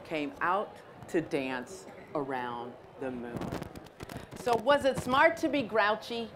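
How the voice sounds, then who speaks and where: A middle-aged American storyteller sits in a garden reading a picture book to kids, chatting with them, explaining, and making sure they follow along. She speaks slowly in a lowish voice with lively intonation, and clear outdoor ambient sound surrounds her.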